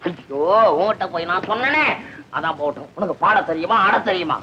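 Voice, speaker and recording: A man's voice: high voice, expressive, fairly quick, heavy background noise. An actor playing a scornful young groom who mocks his new wife, exasperated and full of cries of dismay, in 1970s film comedy dialogue. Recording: dull old film soundtrack with music.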